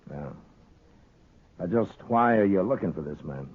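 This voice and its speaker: A very low, rough-edged American voice on a narrow-band vintage radio recording, a frontier marshal in a western. He is steady, weary of the world and sparing with words, probing in a measured way. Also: exaggerated voice. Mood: calm, probing. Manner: measured, laconic, questioning. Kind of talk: 1950s radio western acting.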